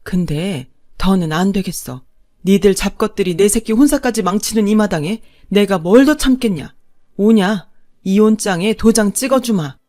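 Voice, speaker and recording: A woman voicing an older mother-in-law, long-suffering but now defiant, scolding loudly and forcefully. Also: mid-range voice, moderate pace, lightly acted. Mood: furious.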